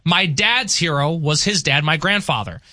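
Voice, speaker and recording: A man's voice: a little high, lively intonation, moderate pace, pushed and bright, dry recording. A young man from Long Island, an enthusiastic and talkative radio guest host in casual banter. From New York, Long Island. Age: young adult.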